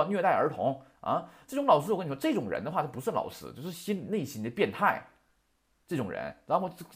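Male language teacher, fast and animated, chatty and heated. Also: on the high side. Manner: chatty, heated, rhetorical questions. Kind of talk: casual lecture with rants.

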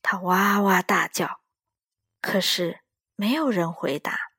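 A woman reading a children's story aloud in a slow, gentle storyteller manner. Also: fairly low pitch, slightly rough, dry recording, clean studio sound.

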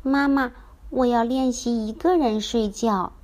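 A woman's voice: fairly high pitch, fairly even intonation, unhurried, a little mellow, close to an everyday voice. A woman voicing an eager, determined little girl in a children's story, speaking with bold insistence. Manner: bold, chest-thumping insistence.

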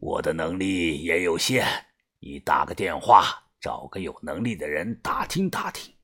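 A weary older gang boss growls low and slow, his husky voice hushed and deliberate, every word weighed, as a man puts him on in a storybook reading. The voice dips deep, then lifts in sudden swings. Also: big pitch swings, heavily acted. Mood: exasperated.

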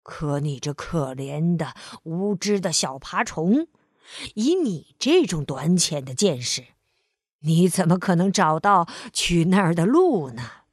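A woman voicing a gloomy, self-important male crow who calls himself a sage, speaking slowly and solemnly. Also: on the low side, very animated, no echo, studio quality, voice pushed down, heavily acted. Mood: pompous. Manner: solemn, slow and mournful.

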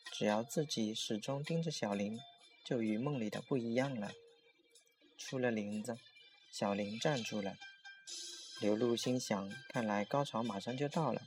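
A man narrating a scripted horror story in a steady storytelling voice. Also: medium pitch, normal speed, soft background music.

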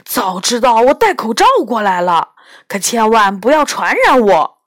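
A woman's voice: fairly high pitch, expressive, moderate pace, dry recording, studio quality, lightly acted. A woman reading a storybook aloud, voicing a fussy, squeamish schoolboy.

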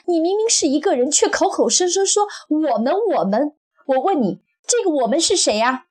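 A woman voicing a quarrelsome young wife, breathy, firing off rapid, shrill retorts. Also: animated. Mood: indignant.

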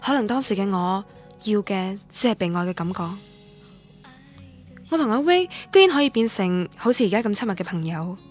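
A lightly acted, expressive performance: a woman with a medium-pitched voice speaks fairly quickly as a lonely young student reminiscing in a Cantonese radio drama. Her Guangdong-accented narration is wistful, reflective and literary, set against soft background music.

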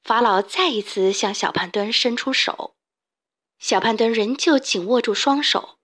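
A woman tells a children's story with clear, expressive reading. Her voice sits a bit higher than most women's. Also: unhurried. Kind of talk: scripted storybook narration.

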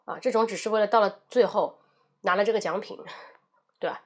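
A woman leads an English pronunciation lesson at a medium pitch. She drills a phrase word by word, slow and loud, then switches to quick, brisk explanation. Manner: reads drill words slowly and loudly, explains briskly.

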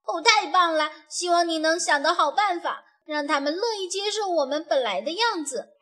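A woman voicing a feisty, imperfect little girl angel in a storybook, excitable and indignant. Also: very high voice, a little slow, pitched above the performer's own voice. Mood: excited. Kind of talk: storybook reading.

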